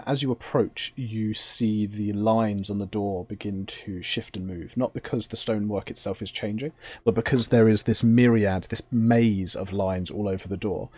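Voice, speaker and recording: A man narrating a tabletop role-playing game as game master, in a measured, descriptive way with pauses between phrases. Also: on the low side, darkish tone, no room sound.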